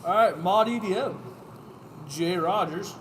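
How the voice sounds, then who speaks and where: A man's voice: high-pitched, a little slow, noisy background. A man hosting a casual podcast, reading out race results and joking with the others. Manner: joking, laughs through results. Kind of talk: casual banter.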